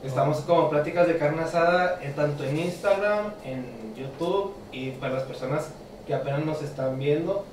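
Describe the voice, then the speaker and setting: A man with a Mexican accent, co-hosting a podcast and retelling a dream in slangy, animated chat. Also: on the high side, normal speed. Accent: Mexican Spanish. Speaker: podcast co-host. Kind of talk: casual chat among friends. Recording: echoey room, distant mic, faint hiss.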